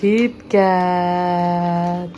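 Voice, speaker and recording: A woman's voice: on the low side, fairly even intonation, drawn-out words, warm tone. A Filipino-accented woman chatting casually with her son for a family vlog, switching between English and Tagalog in an encouraging way. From Philippines. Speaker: family vlogger, mother. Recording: noisy home recording.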